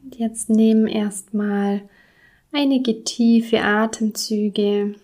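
A woman guiding a body scan meditation, speaking softly and soothingly, with some words in a breathy whisper. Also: medium pitch, fairly even intonation, drawn-out words. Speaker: meditation guide.

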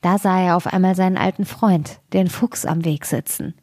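A woman reading a fairy tale aloud as a podcast host, in a measured, even storytelling manner. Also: on the low side, dry recording, clean studio sound.

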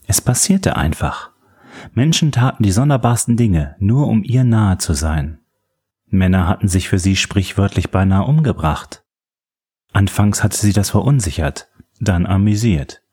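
Deep, husky male audiobook narrator. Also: mellow. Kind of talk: scripted narration.

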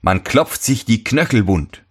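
A man with a lowish, slightly rough voice reads a fairy tale a little slowly, with lively intonation. He plays an irritable old master shoemaker who indignantly scolds everyone and shouts complaints.

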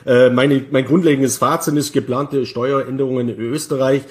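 Man, crypto show host, measured explanations, halting fillers and restarts. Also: mid-range voice, fairly even intonation. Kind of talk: casual discussion commentary.

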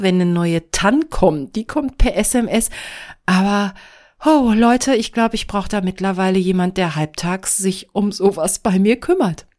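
A middle-aged woman hosts her own podcast solo, nasal and stuffed up from a cold. Her mid-range voice has a darkish tone, and she talks casually in a scattered, rambling, self-deprecating way.

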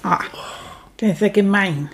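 A woman's voice: mid-range voice, unhurried, slight background noise. A woman joining in a children's story, playful and exclaiming.

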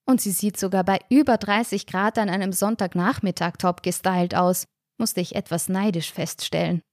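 A woman reading a first-person storybook aloud in a lively, wry way. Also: mid-range voice, no echo, clean studio sound. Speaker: audiobook reader.

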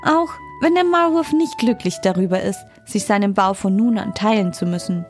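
A woman calmly narrating a children's audio story. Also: medium pitch, normal speed, soft background music.

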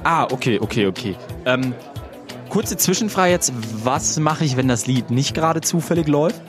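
A man's voice: fairly high pitch, expressive, normal speed, soft background music. A young man in a comedy sketch, playing an earnest, agreeable student who asks dry questions.

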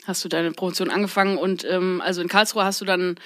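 A woman's voice: lowish voice, fairly even intonation, fast talker. A woman hosting a podcast interview, asking questions in a friendly, casual way with many fillers. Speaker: podcast host.

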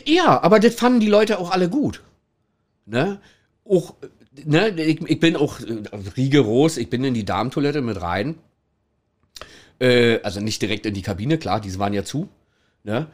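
Man, middle-aged, casual storyteller, laughs often, animated pitch. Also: normal speed, pauses often. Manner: chatty, laughs a lot, tags lines with "ne?". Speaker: former toilet attendant telling stories. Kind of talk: casual anecdote-telling.

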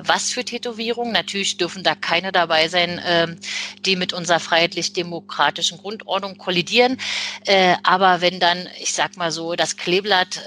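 A woman police official answering interview questions in a measured way, with many fillers and pauses. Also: mid-range voice, sharp tone.

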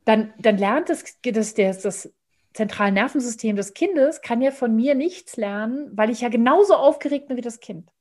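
A woman speaking as a parenting expert guest in an interview, talking in a lively way and acting out scenes. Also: a little high, normal speed. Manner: lively, acts out scenes and sounds. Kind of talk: conversational interview.

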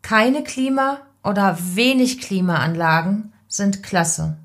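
Slow, deliberate woman voice coach. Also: medium pitch. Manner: calm, deliberate, gives direct advice. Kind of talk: instructional podcast tips.

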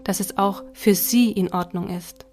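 Kind patient god done by a woman reader, calm and gentle, faint music behind. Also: medium pitch, unhurried, natural voice.

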